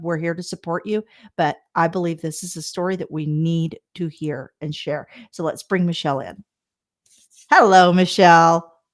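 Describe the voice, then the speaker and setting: A woman hosting a podcast, speaking earnestly and leaning hard on key words as she introduces her guest. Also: on the low side. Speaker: podcast host. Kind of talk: podcast interview.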